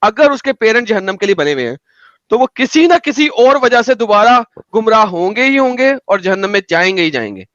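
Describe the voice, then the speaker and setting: A man's voice: high-pitched, big pitch swings, brisk, a bit bright, dry recording, highs cut off. A man hosting a heated online debate, insistent and repeating himself, mixing in English.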